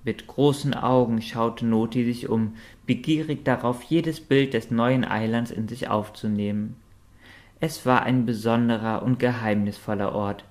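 A man narrating an audiobook in a calm, even storytelling manner. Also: mid-range voice. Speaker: audiobook reader. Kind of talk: scripted narration.

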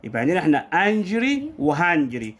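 Egyptian father animated drill-style home tutor. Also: on the high side, quick pace, crowd noise. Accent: Egyptian Arabic. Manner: patient drilling with constant call-and-response questions. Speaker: father tutoring his daughter. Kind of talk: home English lesson for a young child.

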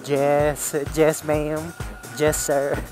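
Soft music plays in the background as a man speaks extremely slowly in a monotone, his voice on the high side and a little mellow. He's a motorcycle vlogger on city roads outdoors, musing aloud in a casual, rambling way.

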